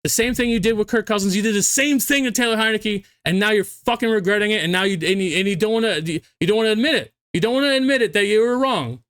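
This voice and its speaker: A man's voice: high-pitched, fast, few pauses, a bit bright, dry recording, clean studio sound. A drunk man on a heated, profane sports rant as a fan, hammering points home by repeating his phrases. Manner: emphatic, repeats phrases for stress.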